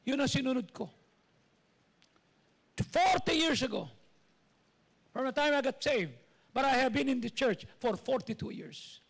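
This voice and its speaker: A man's voice: very high-pitched, animated, a little slow, pauses often. A middle-aged Filipino man preaching a sermon as pastor, with repetitive rhetorical calls to his congregation. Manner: preaches in mixed Tagalog and English, repetitive calls.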